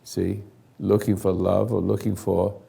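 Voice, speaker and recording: An older man hosting a group counselling talk, with a hoarse, raspy voice that sounds like gargling, speaking earnestly in halting, emphatic phrases. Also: sits low, flat delivery, dark tone. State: hoarse, throat-clearing. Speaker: host leading a group conversation.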